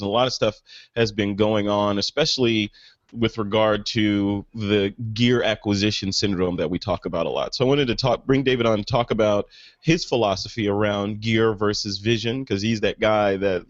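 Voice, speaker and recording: A man's voice: medium pitch, dry recording, dull audio. A man hosting a podcast over a video call, talking in a casual, upbeat way with frequent fillers. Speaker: podcast host.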